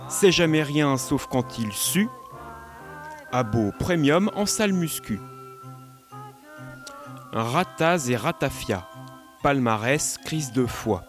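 A man's voice: mid-range voice, lively intonation, slow, long pauses, faint music behind. A man reciting rhythmic spoken-word poetry in clipped, short bursts of wordplay.

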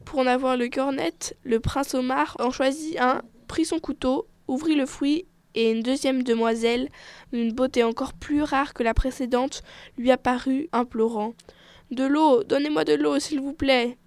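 A woman tells a fairy tale with expressive, measured pacing. Her voice sits high and bright in pitch, and the recording is dry and close with no room sound. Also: clear, resonant tone, no echo. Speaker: storyteller.

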